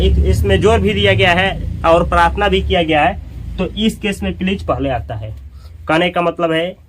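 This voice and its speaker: A male English teacher giving a spoken lesson, explaining patiently and repeating example sentences slowly for learners to copy. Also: high-pitched, a little hiss or hum.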